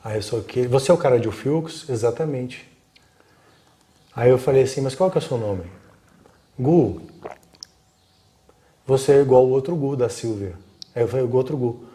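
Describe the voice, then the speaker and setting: A man's voice: mid-range voice, normal speed, long pauses. A man with a Brazilian Portuguese accent telling a story in casual live-stream talk, acting out the dialogue in it. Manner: animated, acts out quoted dialogue. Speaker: guest storyteller.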